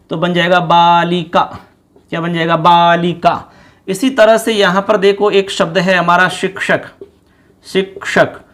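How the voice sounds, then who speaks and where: A man's voice: high voice, fairly bright tone. A male teacher explaining a lesson to students, repeating each word and quizzing them as he goes. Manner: repeats words, quizzes the class; sings a line of a song.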